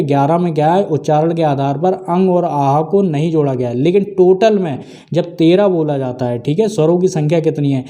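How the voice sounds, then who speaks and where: A man teaching an exam-prep grammar lesson, his voice a little high and dark in tone. He keeps saying "theek hai" and asks and answers his own questions as he explains.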